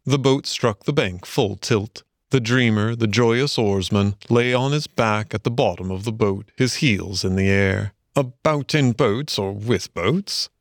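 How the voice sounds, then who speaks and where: A man narrating a storybook in an expressive, measured way. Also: on the low side, dry recording, studio quality. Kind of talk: storybook reading.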